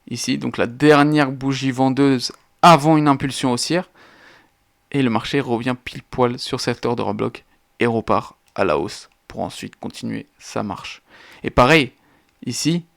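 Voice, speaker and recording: A man's voice: medium pitch, gravelly. A man hosting his own channel, explaining trading charts in clipped, list-like phrases with casual interjections. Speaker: trading educator and channel host.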